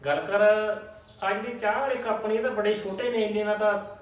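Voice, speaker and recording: A teasing, gluttonous village uncle grumbles about the size of his teacup, as a man plays him. His voice is somewhat high and his jokes are sly. The sound is roomy and distant. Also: fairly even intonation, brisk, close to an everyday voice. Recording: echoey room, distant mic.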